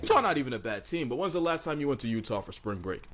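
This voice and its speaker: A man rattles off comedic scripted animal narration rapid-fire, his mid-range voice very animated and fairly bright. He sounds wry, slangy and sarcastic, and music plays behind him.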